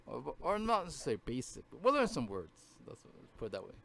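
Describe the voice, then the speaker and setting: A man's voice: medium pitch, wildly swooping pitch, quick pace, creaky, a bit bright, slight background noise. Hesitant man teaching a casual lesson. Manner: hesitant, many fillers and restarts. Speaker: language teacher. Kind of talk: casual screen-share lesson.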